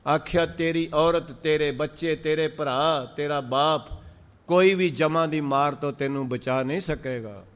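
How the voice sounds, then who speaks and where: A man with a Punjabi accent giving a sermon, drawing out verses slowly and then explaining them in lively speech. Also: fairly high pitch, clear, resonant tone, in a large hall. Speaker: Sikh preacher. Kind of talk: sermon on scripture.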